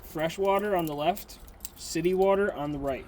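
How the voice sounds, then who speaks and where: Man, RV walkthrough, step-by-step explanations, slightly high voice, outdoors, noticeable background noise. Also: moderate pace, a little mellow. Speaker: RV dealer giving a walkthrough. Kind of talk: casual instructional walkthrough. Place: outdoors beside an RV.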